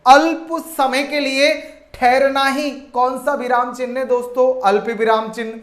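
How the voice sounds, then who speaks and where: A male teacher delivers an online grammar lesson at an unhurried pace. He keeps calling his viewers friends and answers his own questions. The voice sits in a noticeably echoey room. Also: very high voice, level tone, a bit bright.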